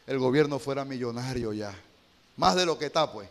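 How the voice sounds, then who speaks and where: A male pastor preaching a sermon, asking the congregation rhetorical questions and moving between hushed storytelling and loud exhortation. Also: mid-range voice, lively intonation, brisk.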